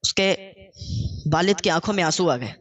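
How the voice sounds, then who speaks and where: Male preacher, high bright voice, storytelling sermon that acts out its quoted characters. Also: expressive. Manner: acts out quoted voices, rising to loud scolding. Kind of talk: Urdu religious sermon with storytelling.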